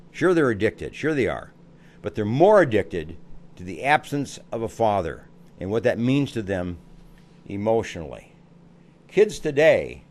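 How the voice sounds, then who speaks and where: Older american guy, psychologist, earnest, repeats himself for emphasis, lively voice. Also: on the low side. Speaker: psychologist giving parenting advice. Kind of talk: advice talk to camera.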